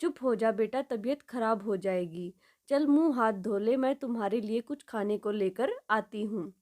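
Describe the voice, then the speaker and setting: A loving middle-aged mother in a spoken storybook, gentle and coaxing, her tone soft and soothing, voiced by a woman narrator. the voice sits a little high. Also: moderate pace, natural voice. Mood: tender.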